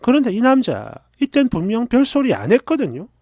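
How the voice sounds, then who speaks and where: A man reading a first-person story aloud in a chatty, confiding, expressive way. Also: extremely high pitch, a little fast, no room sound, studio quality.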